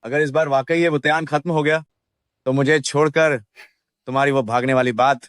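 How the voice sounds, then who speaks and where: An actor voicing a bitter, vindictive master who is spiteful and contemptuous, in a Hindi drama dub. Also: male voice, mid-range voice, fairly even intonation, normal speed, fairly bright tone, dry recording, studio quality, close to an everyday voice.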